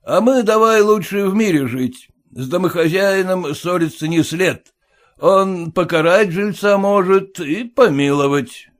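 A man voicing a coarse, tipsy old-fashioned merchant landlord who talks down in a slow, drawling way. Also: high-pitched, pitched above the performer's own voice. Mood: condescending.

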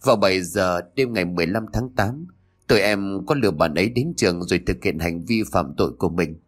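Frightened confessing schoolgirl, read by a man; hesitant, deferential, lowish voice. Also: a little fast. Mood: nervous. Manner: hesitant, respectful.

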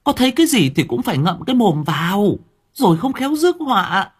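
A poor village mother, anxious and quick to scold, speaks shrilly and frantically, as a man puts her on in an audiobook. The voice is husky and swings widely in pitch. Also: big pitch swings, full character voice.

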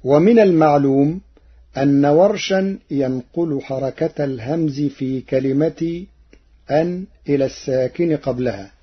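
A man giving a formal religious explanation on the radio, intoning quoted verses slowly and deliberately. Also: on the high side, husky. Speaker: radio presenter explaining Quran reading variants. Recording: dull lo-fi archival radio recording.

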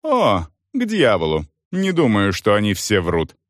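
A man voicing a gruff male baron who speaks bluntly and grumbles. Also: lowish voice, wildly swooping pitch, a little slow, no room sound, clean studio sound. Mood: indignant. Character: gruff older male baron, stern lord.

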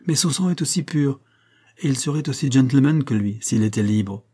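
Un homme qui lit une jeune femme douce mais ferme, la voix montée, posée et insistante, dans un livre audio. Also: male voice, mid-range voice, lively intonation, normal speed, warm tone, husky, voice pushed up.

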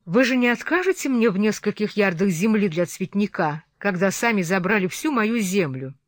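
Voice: mid-range voice, lively intonation, normal speed, dry recording, studio quality, natural voice. A reader voicing a bold, headstrong young woman who talks back defiantly, in a storybook reading.

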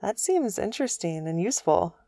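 A woman's voice: mid-range voice, sing-song, fairly quick, gravelly, dark tone, no echo, clean studio sound. A woman voicing an easygoing, practical male starship pilot in a storybook reading, plain and good-natured.

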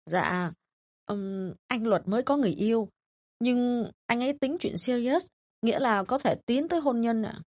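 A woman voicing a polite young adult daughter who speaks softly and hesitantly, smoothing things over in an audio drama. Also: a little high, normal speed, dry recording, clean studio sound, close to an everyday voice. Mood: tactful.

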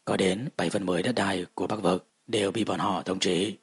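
A man voicing a powerful woman cultivator who serves as advisor, speaking slowly and in a measured way. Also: sits low, steady tone, breathy edge, no echo, heavily acted. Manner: slow, measured speech.

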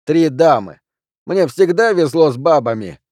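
Man voicing a hot-tempered poker loser, raised pitch, shouting, coarse, dry close sound. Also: expressive, a little slow, no echo. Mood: furious. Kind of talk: audiobook character reading.

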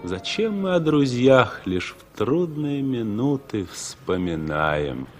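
This mid-range male voice swings widely in pitch as it voices a weary, brooding traveller, lonely and disillusioned, in 1960s radio drama. The acting takes the form of a verse-like inner monologue spoken in measured, declamatory lines with a resigned feel. It's a radio play recording from the 1960s, with music in the background.

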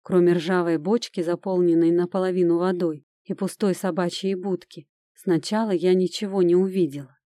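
Casting: female audiobook narrator, lowish mellow voice, measured first-person storytelling, dry close recording. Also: fairly even intonation, dry recording.

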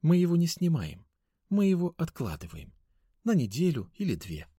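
A man voicing a calm middle-aged female newspaper editor who speaks slowly and with measured authority. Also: a little high, husky, dry recording, studio quality, voice pushed up, full character voice. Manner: slow, measured, lightly mysterious. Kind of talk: audiobook character voice.

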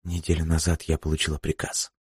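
A man reading an audiobook voices a frightened young woman who confesses in a soft, near-whispered voice and breaks into desperate cries. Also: deep voice, fairly even intonation, fast talker, breathy edge, no room sound, clean studio sound. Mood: fearful hushed. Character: frightened young woman agent, tearful and pleading.

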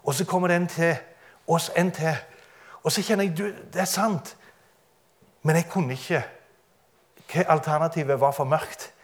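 A man's voice: fairly high pitch, steady tone, pauses often. A man giving a testimony sermon, telling his story dramatically and often laughing.

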